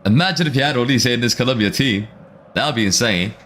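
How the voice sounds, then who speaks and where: A man hosts a live football watchalong stream, chatting casually to his viewers in slang and reading out their comments between reactions. His voice is medium-pitched, fast and a bit bright, with a little hiss or hum.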